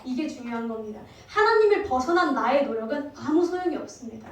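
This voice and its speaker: A woman evangelist giving a sermon, telling the story lively and asking the congregation many questions. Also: high voice, fast talker. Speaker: evangelist preacher. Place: church sanctuary. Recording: very echoey hall, distant mic.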